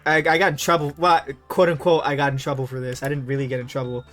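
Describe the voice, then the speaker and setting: Young male streamer, loose and profane, mid-range voice, soft music under him. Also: mid-range voice, fast. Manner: animated, profane, rambling anecdotes. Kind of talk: casual live-stream chat and storytelling.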